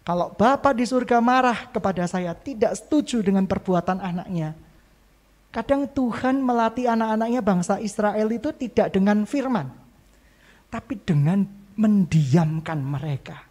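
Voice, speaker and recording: A man's voice: high voice, lively intonation, moderate pace. Emphatic man preaching a sermon. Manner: emphatic preaching with sharp swings in loudness; mixes English phrases into Indonesian. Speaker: pastor.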